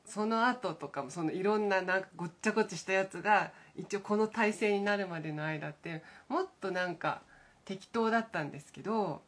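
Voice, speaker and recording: Husky low-voiced woman chatting idly. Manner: meandering, full of hesitations and soft self-amused asides. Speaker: pianist hosting a morning live stream. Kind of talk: casual rambling chat.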